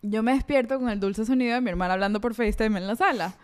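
A woman co-hosting a podcast in casual chat, telling stories in a wry, measured way with English phrases mixed in. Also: fairly high pitch, fairly even intonation, smooth. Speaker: podcast co-host.

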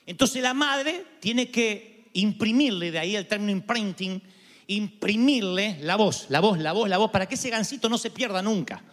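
Argentine male pastor, high voice, lively sermon delivery with playful imitations, big echoing hall. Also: normal speed. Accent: Argentine Spanish. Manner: animated, imitates voices and goose honks for humor. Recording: long hall reverb.

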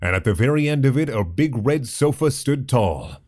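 A man's voice: mid-range voice, expressive, moderate pace, a little mellow. A man switching between casual banter and scripted story narration while recording with friends.

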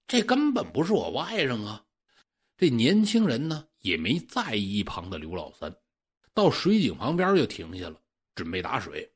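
A man narrating a folk ghost story in an animated storyteller's manner. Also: medium pitch, husky. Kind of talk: oral ghost-story telling.

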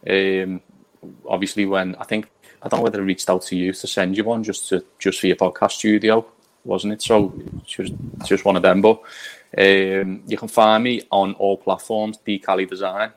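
A man's voice: low voice, little pitch movement, normal speed, low-quality recording. A man speaking as a podcast guest, explaining things in an informal, unassuming way. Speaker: podcast guest, print designer. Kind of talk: casual chat.

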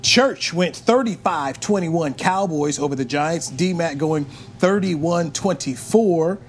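A man's voice: fairly high pitch, takes it slowly, a little hiss or hum. An American man hosting a sports radio show with casual chat.

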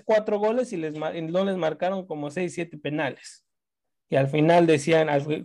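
A fairly high-voiced man, chatting about football on a talk show. He is animated, swears casually and often breaks off to restart a sentence. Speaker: sports talk show host. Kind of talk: casual sports chat.

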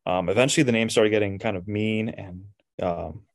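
A man's voice: fairly low pitch, normal speed, no room sound. Easygoing young man, dry close sound. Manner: relaxed storytelling, easygoing. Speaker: podcast co-host. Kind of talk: casual podcast chat.

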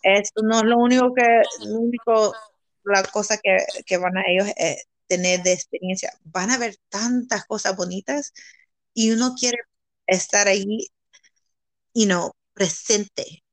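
A woman guest from California speaks in an earnest, upbeat way, sliding between English and Spanish mid-sentence. Her pitch sits mid-range for a woman, and she breaks into laughter often as she talks. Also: fairly even intonation, normal speed, dry recording. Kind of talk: casual bilingual interview chat.

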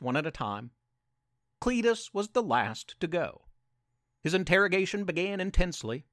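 On a close, dry recording with no room around it, a man tells a podcast story sprinkled with playful asides. His voice sits on the high side, fairly bright, and swoops up and down with lots of life.

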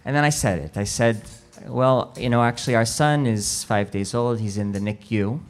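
A man in his thirties giving a sermon as a rabbi, telling a personal story in a slow, reflective way that drops quiet at emotional moments. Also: mid-range voice, faint music behind.

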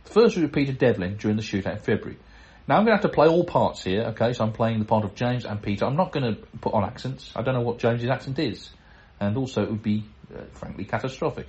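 A man's voice: mid-range voice, fast, few pauses, darkish tone, muffled recording. A middle-aged man hosting a podcast, reading listener letters aloud in a chatty way, breaking off with chuckles and self-deprecating asides. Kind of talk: casual chat and letter reading.

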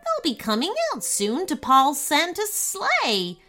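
A woman's voice: high voice, wildly swooping pitch, takes it slowly, pitched above the performer's own voice, exaggerated voice. A woman voicing a curious, chatty female cat in a storybook reading, with a matter-of-fact, slightly cheeky manner. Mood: worried.

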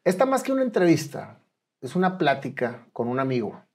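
A man's voice: fairly high pitch, very animated, a little fast. Man hosting an interview, attentive, with frequent affirmations. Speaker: interview host. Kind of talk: friendly interview questions.

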